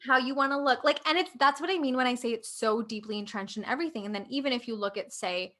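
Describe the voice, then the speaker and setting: A young woman with a Canadian accent co-hosts a podcast, her voice on the high side, quick, and sharp-toned. She talks things through thoughtfully in casual conversation, with lots of fillers and many "like"s.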